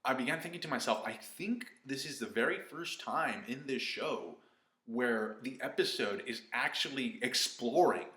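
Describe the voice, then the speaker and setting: A man giving live reaction commentary on an anime episode, exclaiming and cheering at the screen, then reviewing more calmly. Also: medium pitch, moderate pace. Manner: calmer reflective review toward the end.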